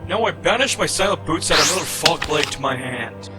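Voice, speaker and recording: This man's voice runs a little high and quick, with lively intonation and a lightly acted feel. Playing the theatrical villain of an anime-style card battle roleplay, he scorns his rival, a Chosen One, in grand, formal declamation. He sounds confident and commanding, and loud music plays behind him.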